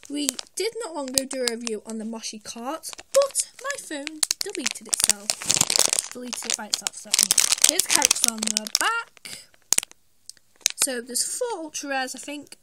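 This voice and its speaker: A woman doing an excited toy unboxing review, who talks eagerly and squeals when she finds something new. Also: high voice, normal speed. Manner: excitable, squeals names of toys. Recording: loud background noise, packaging crinkling.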